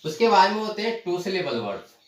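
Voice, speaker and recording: A man teaching a lesson, explaining terms slowly, repeating them and asking the class questions. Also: high voice, sing-song. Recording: echoey room, voice from far off the mic.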